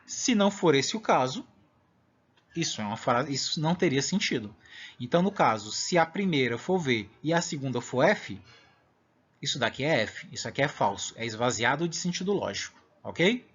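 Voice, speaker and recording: A man's voice: medium pitch, very animated, moderate pace, fairly bright tone, slightly rough. A Brazilian man teaching a discrete math lecture, explaining step by step and often checking in with his listeners. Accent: Brazilian Portuguese. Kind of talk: recorded online lecture. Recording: dull lo-fi recording.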